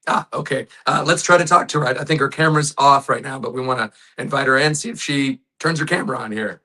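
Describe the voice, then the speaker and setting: A man with a hoarse, raspy voice hosting a live online news show, casual and friendly with his guests. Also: medium pitch, fast, bright, forceful tone.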